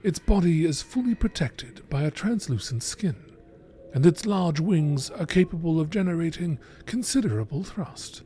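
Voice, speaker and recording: Reading game lore as if it were a nature documentary, this male narrator speaks at an ordinary pace with a fairly high, lively, warm voice. The clip carries clearly audible ambient noise behind him.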